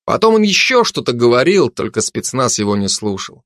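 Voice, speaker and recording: A man reading a story aloud as narrator in an expressive, animated way. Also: mid-range voice, fairly quick, no room sound, clean studio sound. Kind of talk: audiobook narration.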